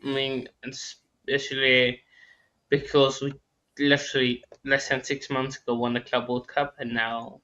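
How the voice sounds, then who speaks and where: A man chatting casually about football in a hesitant, halting way. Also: medium pitch, little pitch movement, pushed and bright. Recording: slightly dull lo-fi microphone.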